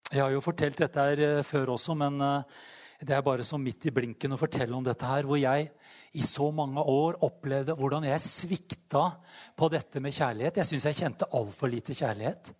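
A man preaching a sermon, fervent and animated, often calling out praise between his sentences. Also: medium pitch.

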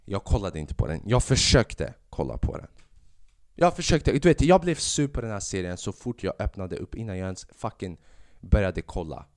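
A man's voice: on the low side, no room sound, studio quality. A man hosting a casual monologue podcast, ranting and rambling with lots of swearing, and sick with a fever. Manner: swearing, rambling, animated rants. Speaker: podcast host.

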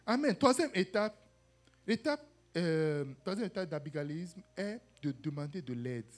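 With soft music in the background, a woman preaches unhurriedly in a lowish voice. Animated throughout, she calls out to the congregation for "Amen" and "Alléluia" and acts out the voices of figures in her stories.

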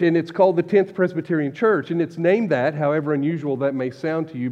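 A man preaching a sermon as pastor, measured, slowing down to stress key words. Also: on the high side. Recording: dull lo-fi recording with long hall reverb.

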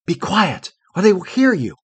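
A man voicing a brave, gentle young woman of the night who coaxes and protects her frightened companion. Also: high-pitched, moderate pace, breathy edge, dry recording, pitched above the performer's own voice, full character voice. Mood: coaxing. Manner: calm, coaxing, protective.

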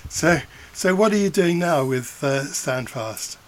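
Gentle male interviewer. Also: a little high, lively intonation, unhurried, a little hiss or hum. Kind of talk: interview questions.

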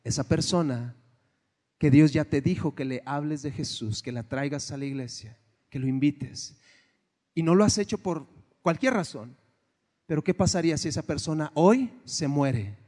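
A man preaching a sermon, swinging from hushed lines to shouts. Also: a little high, animated, normal speed. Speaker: pastor. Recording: long hall reverb.

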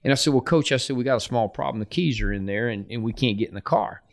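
A man's voice: medium pitch, fast, creaky. A middle-aged man, a football coach, casually telling a story and acting out the voices of the people in it. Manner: lively anecdote, acts out quoted voices with laughter.

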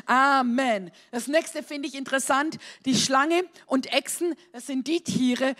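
A woman preaching a charismatic sermon to a congregation, swinging from shouted declarations to quiet conversational asides and asking them questions. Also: high voice. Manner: talks straight to the congregation with questions and amens.

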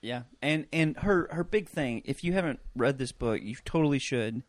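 A man co-hosting a podcast, chatting casually and loosely, often pausing on fillers as he thinks aloud. His voice sits at an ordinary pitch and sounds close and dry, with no room around it. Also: no echo. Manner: relaxed, hesitant with many fillers. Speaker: podcast co-host. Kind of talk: casual chat.

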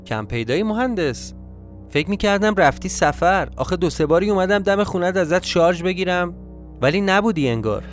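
Friendly neighbor cameo, a man doing it, soft small-talk voice, slightly raised pitch. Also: lively intonation, faint music behind. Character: polite, chatty neighbor.

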